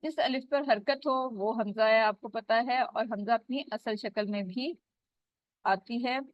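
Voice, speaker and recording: A woman's voice: fairly high pitch, dry recording. A woman teaching Quran recitation rules in an online lesson, explaining step by step. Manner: drawn-out recitation of Arabic words. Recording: dull dry lo-fi recording.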